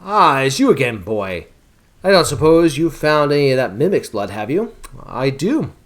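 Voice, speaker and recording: A man voicing a proud, gruff older male wizard who calls the hero "boy", reading game dialogue aloud with a slightly lowered voice. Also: sing-song, moderate pace, close to an everyday voice. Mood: pleased.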